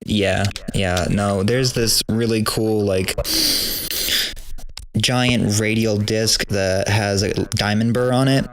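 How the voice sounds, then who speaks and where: Low-voiced laid-back man of thirty. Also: takes it slowly, a little hiss or hum. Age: 30s. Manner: relaxed storyteller, chuckles at own jokes. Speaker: podcast guest. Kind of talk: casual group chat.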